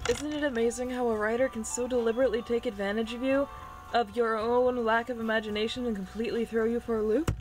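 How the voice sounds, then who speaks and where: A shy, gentle young bookworm who speaks softly and hesitantly, read by a woman from a visual novel. Her voice stays mild and unhurried. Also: on the high side, steady tone, soft background music, close to an everyday voice, low-quality recording. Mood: thoughtful. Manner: soft and hesitant. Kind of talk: reading a visual novel aloud.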